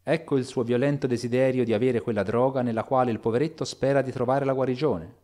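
A man voicing a cautious, dutiful middle-aged male lawyer in a spoken audiobook, with a measured and reasoning delivery. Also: medium pitch, fairly even intonation, warm tone, natural voice.

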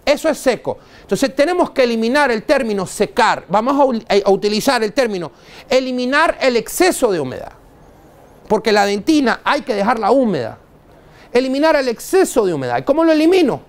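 In a university lecture hall, a man with a Venezuelan Spanish accent gives a live dental lecture, blunt and full of slang, quizzing the audience as he goes. His very high voice is brisk and sing-song.

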